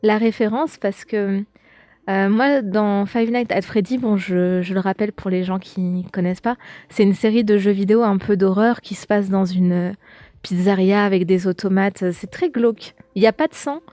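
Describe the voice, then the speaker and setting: A woman's voice: mid-range voice, moderate pace, dark tone, no echo. Chatty young woman, dry sound. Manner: chatty, lots of fillers and restarts. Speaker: podcast host. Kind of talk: casual chat reading viewer comments.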